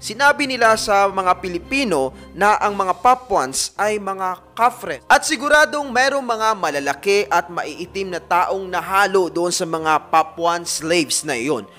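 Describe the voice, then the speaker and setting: A man tells an eerie tale in a high, bright voice, speaking straight to his listeners as though they were a gathered group. His delivery is dramatic and keeps drawing the audience in. Soft music plays quietly behind him. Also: expressive, a little slow. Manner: addresses listeners as a fan group, dramatic retelling. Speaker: narrator of a paranormal story channel. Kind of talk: storytelling narration.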